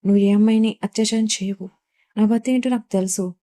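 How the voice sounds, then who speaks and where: A woman's voice: mid-range voice, steady tone, fast talker, mellow, lightly acted. A woman reading the part of a loyal young village wife who speaks earnestly in her husband's defence.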